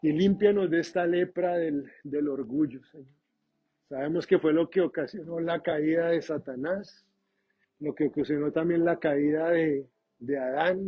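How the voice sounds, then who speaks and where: A male pastor prays slowly and earnestly, pausing to repeat words. His voice sits a little high and has a husky edge. Soft music plays behind him on a slightly dull recording. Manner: slow, earnest prayer with pauses and repeated words. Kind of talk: closing prayer in a sermon.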